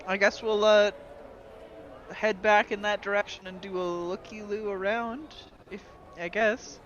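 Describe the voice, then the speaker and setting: A man's voice: high voice, flat delivery, unhurried, fairly bright tone, lo-fi sound, slight background noise. A man chatting casually and tentatively as a player in a tabletop role-playing game.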